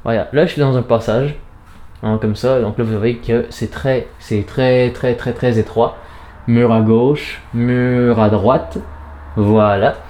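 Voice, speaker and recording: Chatty guy showing off recording gear, casual, mid-pitched, talks thru every move. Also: fairly even intonation, takes it slowly, mellow. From Canada. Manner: chatty, informal, narrates own movements step by step. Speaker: podcast host reviewing audio recorders. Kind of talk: casual product demonstration. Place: small home studio and narrow hallway. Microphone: recorder's internal mic, later binaural in-ear microphones.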